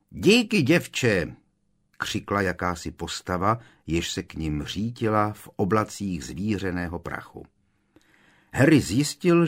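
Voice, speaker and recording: Low-voiced male audiobook narrator. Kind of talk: scripted narration.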